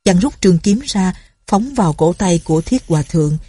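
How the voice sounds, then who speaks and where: A woman narrating a martial arts novel as an audiobook in a steady storytelling manner. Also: on the low side, a little fast, breathy edge, no echo.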